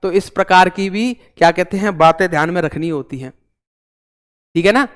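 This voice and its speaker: Male online tutor, high clear voice, talkative and repetitive. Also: moderate pace, fairly bright tone. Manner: chatty, repeats himself, joking asides to viewers. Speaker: teacher. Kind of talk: online exam-prep class.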